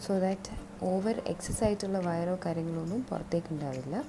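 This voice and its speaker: A woman with a Malayali accent and a fairly low, fairly quick voice presents a product installation tutorial. She demonstrates the setup hands-on, step by step, in a conversational style sprinkled with English terms. Music plays clearly behind her voice.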